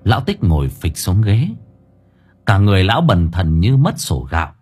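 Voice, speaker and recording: A man's voice: low voice, big pitch swings, normal speed, a little mellow, faint music behind. A man narrating an audiobook story expressively.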